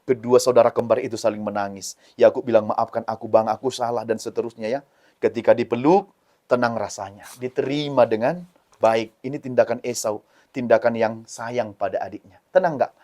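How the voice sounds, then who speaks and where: Man, children's sermon, animated, addresses kids directly. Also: medium pitch, brisk. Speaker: Sunday school preacher.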